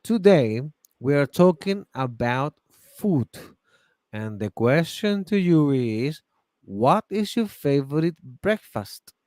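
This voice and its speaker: A man with a Chilean accent leads an online English class over a video call, upbeat and encouraging, slowing down so learners can follow. His voice sits a little higher than most men's. The recording is dry and close, with no room echo. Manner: animated, encouraging, slow and clear for learners. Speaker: English teacher.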